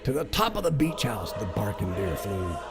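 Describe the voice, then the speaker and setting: A man's voice: fairly low pitch, sing-song, moderate pace, vocal fry, some chatter behind. A man reciting a crude, cheeky comic verse parody as narrator, over music.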